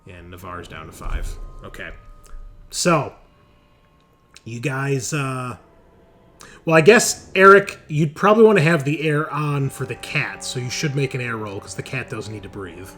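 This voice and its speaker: Acting as game master for a tabletop roleplaying game, a man explains the rules conversationally and casually. His voice is medium-pitched, fairly bright, and measured in pace, with faint music in the background.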